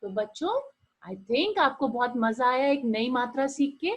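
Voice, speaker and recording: Slow, sing-song woman teaching small children. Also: high-pitched, animated, slightly rough, low-quality recording. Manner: slow, sing-song and encouraging, drawing out sounds and asking the children questions. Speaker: primary school teacher. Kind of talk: online Hindi lesson for young children.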